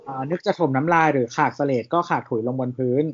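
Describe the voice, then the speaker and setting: A man's voice: medium pitch, fast. Young man reading notes in casual chat. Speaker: podcast co-host. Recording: dull lo-fi audio with faint noise.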